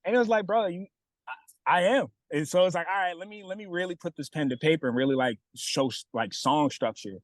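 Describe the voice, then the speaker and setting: Boston guy rapper on a call from a bus stop, kinda high voice, dry, says bro constantly. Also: fairly quick, no room sound. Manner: laid-back slangy talk, says "bro" a lot. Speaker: rapper guest. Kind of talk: casual interview chat.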